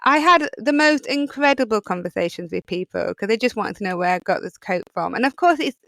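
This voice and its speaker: Chatty Yorkshire woman, smooth dry voice. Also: on the high side, animated, brisk, fairly bright tone, no echo. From England. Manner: chatty, rambling, many fillers. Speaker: podcast host. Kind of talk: solo podcast monologue.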